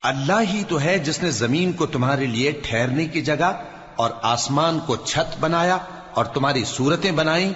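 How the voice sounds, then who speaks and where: A man reading a scripture translation aloud in a solemn, measured recitation. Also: fairly high pitch, a bit bright. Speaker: scripture reader. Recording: dull audio with long reverb.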